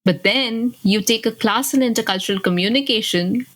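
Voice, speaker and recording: A woman's voice: a little high, normal speed, fairly bright tone, rough recording. A woman from India co-hosting a podcast, speaking in an engaged, curious way. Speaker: podcast co-host. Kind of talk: podcast conversation.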